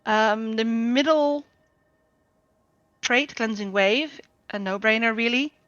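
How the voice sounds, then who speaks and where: A woman guild trainer explaining a game build over group voice chat, steady and explanatory with frequent ums. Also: on the high side, slow pace, no room sound. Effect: group voice chat audio. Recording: dull lo-fi voice chat mic.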